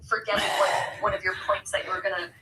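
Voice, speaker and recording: Woman doing her own mocking inner critic. Scolding and overdone. Distant mic, loud background noise. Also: mid-range voice, little pitch movement, fast talker, lightly acted.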